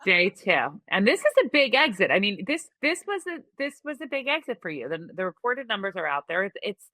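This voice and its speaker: Bright-voiced woman podcast host. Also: mid-range voice, big pitch swings, dry recording. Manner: encouraging, quick to affirm. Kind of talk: conversational interview.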